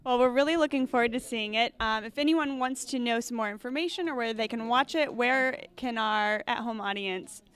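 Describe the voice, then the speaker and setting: Young woman interviewer, higher voice, polite and upbeat, handheld mic. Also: moderate pace, few pauses, fairly bright tone. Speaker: festival interviewer. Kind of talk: red carpet interview. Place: festival press wall, indoors.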